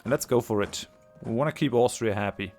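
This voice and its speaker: A man's voice: mid-range voice, fairly quick, darkish tone, soft background music. A man commentating a strategy game as he plays, thinking aloud, hesitant, with many fillers and restarts, his voice tiring. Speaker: let's play host. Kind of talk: casual gameplay commentary.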